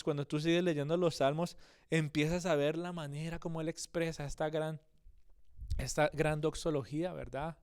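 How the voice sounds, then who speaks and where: A male pastor delivering an earnest sermon to his congregation, addressing them directly and fixing his words mid-phrase. His voice is smooth and resonant and sits a little on the high side. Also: a little mellow. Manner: earnest, addresses listeners directly, frequent self-corrections.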